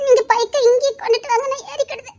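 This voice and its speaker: A woman playing a young new wife who pleads softly and tearfully in a family drama skit. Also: extremely high pitch, expressive, fast talker. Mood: hesitant.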